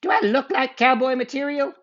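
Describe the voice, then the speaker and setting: A man's voice: very high voice, expressive, a little fast, fairly bright tone, voice pushed up. A man voicing a nervous young boy in a storybook reading, on a muffled lo-fi recording.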